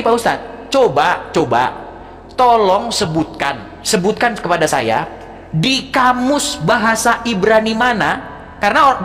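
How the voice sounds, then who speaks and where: A woman's voice: fairly high pitch, a bit bright, long reverb tail. Woman debating, mocking and insistent. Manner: mocking, insistent, repeats points. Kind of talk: heated online religious debate.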